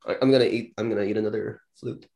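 A man co-hosting a podcast in casual chat, rambling and laughing, with some vocal fry. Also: on the low side, steady tone, very fast, dark tone. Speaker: podcast co-host.

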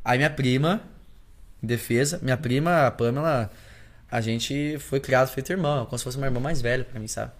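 A young adult man and singer, telling a story in a casual podcast chat, animated and full of slang. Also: medium pitch, fairly quick. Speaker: singer and musician, podcast guest.

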